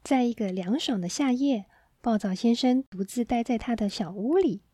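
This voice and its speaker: A woman storyteller reading a children's story aloud in a gentle, expressive way, on a close mic. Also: on the high side, moderate pace, dry recording.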